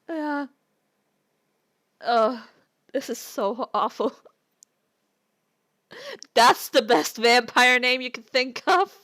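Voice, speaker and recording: A woman on a live stream chats and reads aloud, breaking into giggles and poking fun at herself. Her voice is fairly high and her pace slow and easygoing. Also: animated, sharp tone. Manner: giggly, self-mocking, laughs often. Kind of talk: casual live-stream chat, reading a story aloud.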